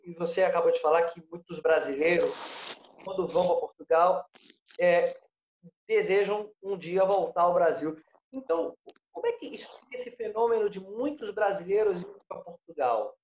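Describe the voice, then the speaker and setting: A man's voice: sits high, moderate pace, darkish tone, echoey room, lo-fi sound. A man interviewing, asking a question and reading figures with some hesitation.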